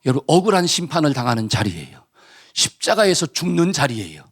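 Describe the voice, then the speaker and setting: Lively Korean pastor preaching. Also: male voice, fairly high pitch, a little fast, slightly rough. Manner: rhetorical questions and call-and-response. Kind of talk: sermon. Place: church.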